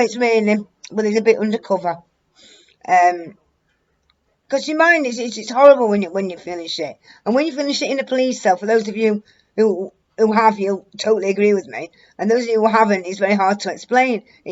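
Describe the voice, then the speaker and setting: A woman's voice: on the high side, lively intonation, a little fast, muffled recording. A woman, telling a rambling, blunt, sweary story to her viewers. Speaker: vlogger. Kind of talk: casual storytelling to camera.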